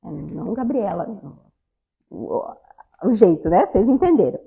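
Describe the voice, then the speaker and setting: A woman's voice: mid-range voice, animated, a little fast, gravelly, dark tone, highs cut off. A woman giving a spiritist talk, speaking conversationally and often addressing the audience directly. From southern Brazil. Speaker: lecturer at a spiritist center.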